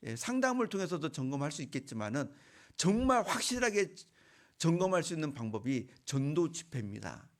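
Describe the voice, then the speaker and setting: Gravelly, animated preaching man. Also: a little high, quick pace, hardly any pauses. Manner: storytelling with rhetorical questions to the congregation. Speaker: pastor. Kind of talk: sermon with personal story.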